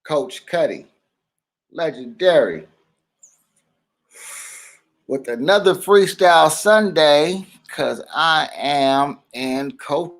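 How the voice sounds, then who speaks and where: A male host opens the show in an unhurried, drawn-out way. He chats casually through announcements before bringing on his guest, his delivery easy and relaxed. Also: fairly high pitch. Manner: laid-back, chatty announcements.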